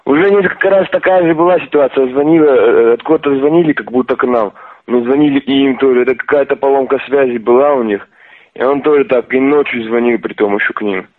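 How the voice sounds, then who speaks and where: A man of mid pitch talking over a thin, tinny phone line. He sounds puzzled and explains himself at length, then hits back with harsh swearing. The line sounds narrow and lo-fi. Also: quick pace. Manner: confused, then cursing back angrily. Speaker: call recipient. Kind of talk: phone conversation.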